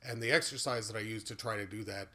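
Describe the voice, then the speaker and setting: This male guitar and singing teacher has a big voice on the low side and talks fast, yet his casual explanations come at an easy pace, peppered with "uh" fillers. Loud guitar playing sits behind his voice in the recording.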